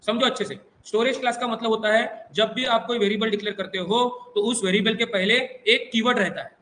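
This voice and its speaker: High bright-voiced Indian teacher drilling students. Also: male voice, steady tone, fairly quick, roomy sound, a little hiss or hum, low-quality recording. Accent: Indian English. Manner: drilling students with call-and-response questions; reassuring and coaxing, addresses students as "beta". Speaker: computer teacher. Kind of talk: exam revision lecture to students.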